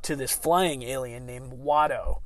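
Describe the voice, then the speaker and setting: A man's voice: medium pitch, fairly even intonation, measured pace, no room sound. A man co-hosting a casual podcast, laughing through his sentences and trailing off with fillers as he reads news stories aloud. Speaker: podcast co-host.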